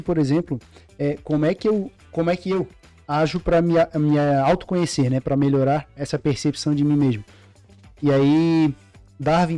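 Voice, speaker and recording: A mellow-toned, somewhat high-voiced man hosting a podcast. He talks fast and loosely, with the odd joke, and strings out long questions, recorded dry and close. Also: no echo. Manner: relaxed, joking, asks long questions. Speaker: podcast host. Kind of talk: casual podcast chat.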